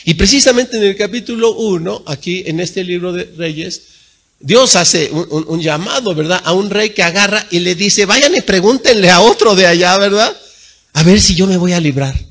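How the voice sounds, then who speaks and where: A male pastor delivering a sermon, swinging between loud emphatic peaks and low quiet asides. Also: normal speed.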